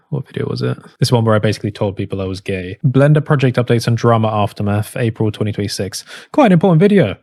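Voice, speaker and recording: This is a man with a fairly low voice, hosting his own video channel in a loose, thinking-out-loud monologue. He drifts from one idea to the next in a reflective way and swears now and then. The sound is close and dry, with no room echo. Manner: rambling and introspective, drifts between ideas, occasional swearing. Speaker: channel host. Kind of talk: casual reflective vlog monologue.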